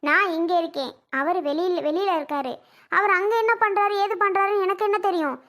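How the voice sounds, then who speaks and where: A woman's voice: very high voice, fairly even intonation, fairly quick, a bit bright. A woman playing a pleading, self-blaming mother in an amateur family drama skit. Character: pleading mother, wife of a failed son.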